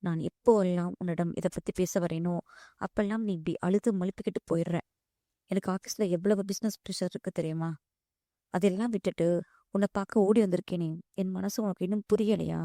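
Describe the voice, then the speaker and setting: A woman's voice: lowish voice, steady tone, a little fast, dark tone, dry recording, clean studio sound, close to an everyday voice. A woman voicing a pushy young lover. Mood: indignant. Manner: pleading then scolding, calls her "di". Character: insistent young man, wealthy, pushy and frustrated.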